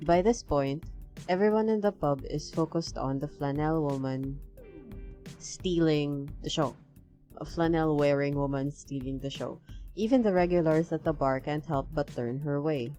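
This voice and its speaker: A woman's voice: low-pitched, normal speed, dark tone, soft background music. A woman streaming a visual novel, reading it aloud and rambling in between with lots of fillers. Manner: rambling, filler-heavy chat. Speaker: let's play streamer.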